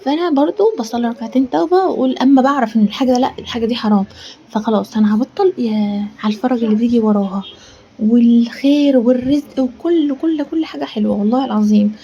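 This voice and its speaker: A woman's voice: a little high, rapid-fire, mellow. A woman with an Egyptian Arabic accent, hosting a casual cooking vlog from her kitchen, talking in an earnest, rambling way and now and then dropping to a whisper. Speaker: cooking channel host. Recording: dull lo-fi sound with faint room ambience.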